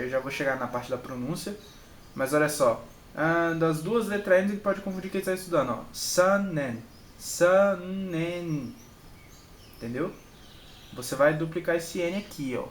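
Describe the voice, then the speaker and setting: A Brazilian man with a Brazilian Portuguese accent and a slightly raised voice talks through his study notes in a relaxed way. He says each example twice and keeps checking that the listener follows. The room is echoey, with a faint hiss behind him. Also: on the high side. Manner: repeats example words and checks in with "entendeu?". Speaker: channel host and Japanese learner. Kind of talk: casual study walkthrough.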